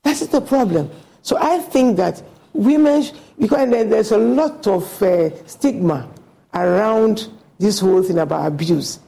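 A woman with a gravelly, mellow voice and a creak running through her words. She talks as a passionate radio guest, slipping into a preachy tone and acting out the voices of the people she quotes. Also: medium pitch, animated, unhurried, poor audio. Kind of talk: earnest radio discussion.

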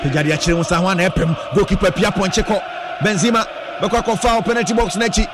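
A man with a Ghanaian accent commentates live football excitably, repeating words and names in bursts. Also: sits high, quick pace. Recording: loud crowd noise behind commentary.

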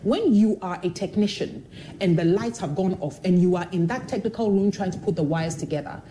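A woman on the low side of the pitch range talks a little fast over a little hiss or hum. She's a TV personality being candid in a motivational interview, animatedly acting out the people in her stories as she tells them expressively.

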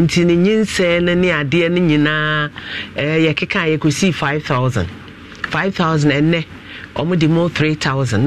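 A man with a Ghanaian accent, a pastor questioning family members in a dispute in an animated, coaxing manner. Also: fairly high pitch, a little hiss or hum. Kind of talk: mediating a family dispute on a broadcast.

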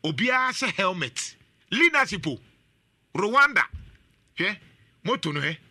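A man hosting a talk show, giving animated, casual commentary and laughing often. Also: high voice, a little slow. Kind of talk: casual commentary mixing Twi and English.

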